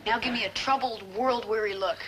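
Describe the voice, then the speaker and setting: An actress playing a scheming, bossy young woman in an old sitcom, coaxing with pet names in a brisk manner. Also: on the high side, fairly even intonation, very noisy, lightly acted.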